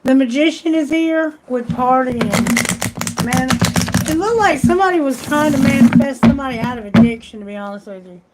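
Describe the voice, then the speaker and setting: A woman's voice: sits high, a little fast, very noisy. A woman doing a live tarot reading, chatty and exclamatory, thinking aloud, and losing her voice. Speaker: tarot reader.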